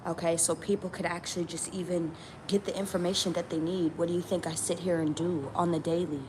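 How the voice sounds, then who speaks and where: A woman from New Mexico talks straight to camera in a casual vlog, pressing her points by repeating them and swearing now and then. Her voice sits on the lower side. A steady wash of background noise runs under the recording. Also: fairly quick. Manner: emphatic, repeats lines, swears. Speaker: tarot channel vlogger.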